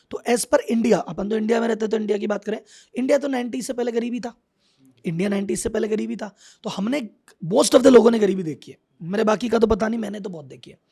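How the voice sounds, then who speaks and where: A middle-aged man talks through business lessons in an animated conversational way. His voice is high for a man and gravelly, with a husky edge. He often acts out the thoughts of the people in his examples. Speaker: business coach, podcast guest.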